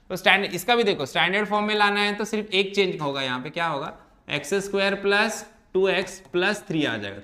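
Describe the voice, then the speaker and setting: A man's voice: high voice, pushed and bright. A man teaching a math lesson, talking students through each step and often checking whether they follow. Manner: keeps asking checking questions. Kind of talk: classroom lesson explanation.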